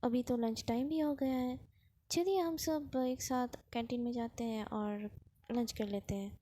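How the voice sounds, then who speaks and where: A woman's voice: on the high side, unhurried, dark tone, a little hiss or hum, natural voice. A woman voicing a middle-aged male company boss in a spoken storybook, inviting everyone to lunch in a friendly way.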